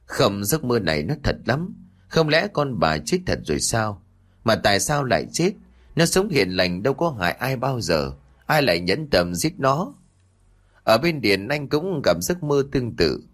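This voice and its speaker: Low-voiced man narrating ghost stories. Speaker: storyteller.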